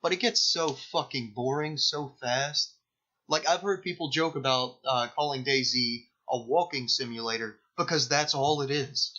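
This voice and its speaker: Young southern guy on a podcast, crude jokes, swears constantly, bright voice, muffled lo-fi recording. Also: mid-range voice, moderate pace. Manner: crude, joking, heavy swearing. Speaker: podcast co-host. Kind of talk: casual chat. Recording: dull lo-fi podcast audio.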